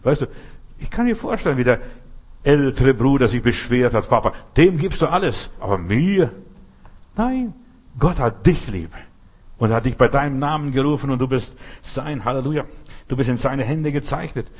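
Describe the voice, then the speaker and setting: Husky-voiced man preaching a sermon. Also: medium pitch, lively intonation, normal speed, darkish tone. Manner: emphatic, addresses listener directly, rhetorical questions.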